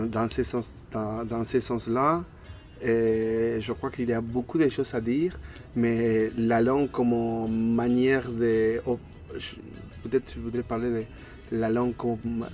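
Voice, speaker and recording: A native Spanish speaker from Argentina, in his thirties, gives a casual interview, hesitant and searching for words with a Spanish accent. His voice is mid-range and darkish.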